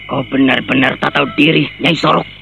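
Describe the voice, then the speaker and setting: Angry gravelly old man, raised pitch, noisy backdrop. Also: steady tone, a little fast. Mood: furious. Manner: shouting, threatening. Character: wrathful older village man, a vengeful father. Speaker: antagonist. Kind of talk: radio drama acting. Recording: noisy, muffled radio recording.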